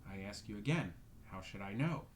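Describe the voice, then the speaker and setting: A man voicing a stern, sharp-tongued older woman who answers harshly and curtly. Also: on the low side, animated, normal speed, slight background noise, lightly acted. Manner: harsh, curt.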